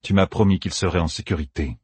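A male narrator voicing a young man who speaks in a cold, calm, quietly threatening tone. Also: sits low, fast talker, slightly rough, no room sound. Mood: icy calm. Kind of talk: audiobook character reading.

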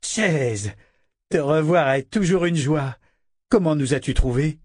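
A man voicing a warm, steady young male hero in an audiobook reading, close to his own voice. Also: fairly high pitch, unhurried, no room sound, pitched above the performer's own voice.

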